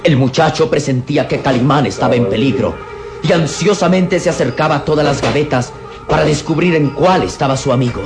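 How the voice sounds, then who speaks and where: A man narrating a dramatic radio serial in a theatrical, suspenseful manner with deliberate pauses. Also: a little high. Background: dramatic music.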